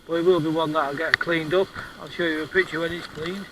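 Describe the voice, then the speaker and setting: A man's voice: a little high, fairly even intonation, brisk, background noise. A man outdoors on a beach, chatting casually about his metal detecting finds in a musing, hesitant way, often repeating words.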